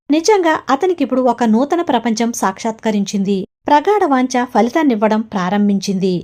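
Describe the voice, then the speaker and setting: A woman narrating a self-help audiobook in a steady, measured reading voice. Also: on the high side.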